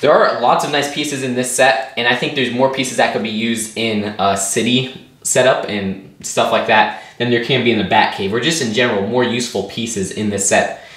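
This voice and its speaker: A man's voice: mid-range voice, steady tone, normal speed, fairly bright tone. A man giving a casual, upbeat toy set review, rambling with lots of fillers and small restarts. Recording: roomy echo.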